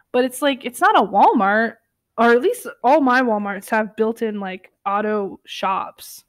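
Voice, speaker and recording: A woman's voice: fairly high pitch, fairly bright tone, no echo, clean studio sound. A young woman casually reading online stories aloud and commenting on them, chatty and giggly. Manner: chatty, giggly, lots of filler words. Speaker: channel host reading stories.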